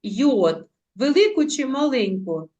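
A woman teaching young children in an online class, coaxing them with diminutives and drawing out words slowly for them to repeat. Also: sits high, very animated, warm tone, highs cut off. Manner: affectionate, coaxing, uses diminutives; slow, drawn-out word modelling. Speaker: primary school teacher. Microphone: video call.

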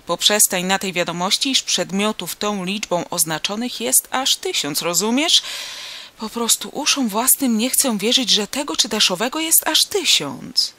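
A woman reading aloud voices an excitable male bystander in a storybook crowd, shouting rumours with emphatic repetition. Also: sits high, normal speed, heavily acted. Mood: excited shouting.

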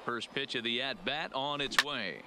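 A man with an American accent doing play-by-play commentary for a baseball video game, building up to drawn-out calls. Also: medium pitch, lively intonation. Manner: builds to drawn-out shouted home-run calls. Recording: loud stadium crowd and noise behind. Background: ballpark crowd.

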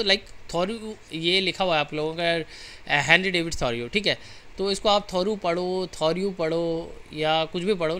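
A young Indian man teaching an online exam-prep lesson, chatting quickly and then reading notes out slowly, word by word. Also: on the high side, pushed and bright, a little hiss or hum. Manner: switches between fast casual explaining and slow dictation-style reading of notes.

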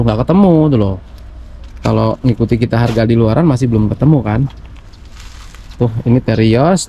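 A man with a Javanese Indonesian accent hosts a casual walkaround of used vehicles at an outdoor auction yard, chatting straight to viewers he calls Mas Bro. His voice is mid-range with a dark tone, and faint outdoor noise sits in the background.

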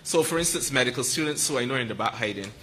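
A man, his voice bright and forward, explains quarantine rules at a press conference. Faint room ambience sits under him. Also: mid-range voice, lively intonation, slight background noise, poor audio. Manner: explanatory, quick asides with laughs. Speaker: medical school panelist.

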